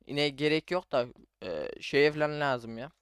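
Young male gaming YouTuber, relaxed running commentary, a touch high, clean and close-miked. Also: normal speed, smooth. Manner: chatty, talks to himself while playing, says "abi" and "arkadaşlar" often. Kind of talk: casual Minecraft let's play commentary.

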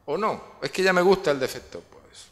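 A man's voice: high-pitched, animated, brisk. A man giving a public lecture, rambling and restarting often as he explains his ideas. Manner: rambling, many restarts and fillers. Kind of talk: public lecture with audience questions. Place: large lecture hall. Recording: long hall reverb.

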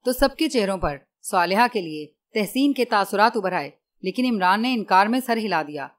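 A woman narrating an audiobook novel in a steady, even storytelling voice. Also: mid-range voice, normal speed.

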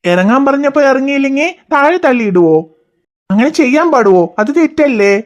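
A gentle cartoon father who calmly talks his children through their hurts, voiced by a woman. He speaks in a soothing, reasoning way, and his voice sits fairly high for a man. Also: a little fast, lo-fi sound. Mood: patient. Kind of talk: cartoon voice acting.

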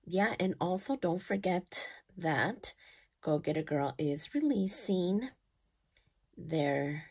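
A woman in her thirties talking her way through a planner layout in a relaxed, unhurried way. Her voice sits low with a gravelly edge, yet swings widely up and down as she gushes over little details and thinks aloud. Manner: chatty and gushing, thinking aloud, soft at times. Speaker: planner vlogger. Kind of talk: casual voice-over while decorating a planner.

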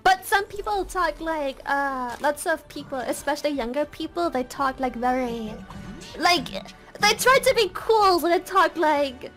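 A woman's voice: high voice, lively intonation, unhurried, a bit bright, soft background music. A German-native woman streamer chatting casually in English, giggly and rambling with lots of filler words. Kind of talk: casual gaming stream chat.

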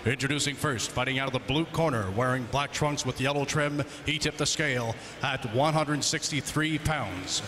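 A man's voice: mid-range voice, steady tone, moderate pace, a bit bright. A man working as a boxing ring announcer, projecting formally and stretching out the fighters' names. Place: large indoor boxing arena. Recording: echoey arena PA, long reverb, noisy.

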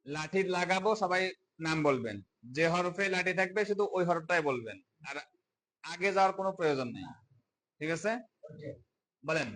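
A man's voice: on the high side, fairly bright tone. A man teaching a live class on Arabic letters, patiently repeating prompts for learners to echo. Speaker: Quran teacher.

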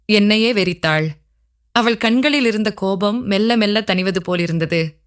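A woman storyteller reading a scripted story in a steady, even narrative voice. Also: mid-range voice, measured pace, clean tone.

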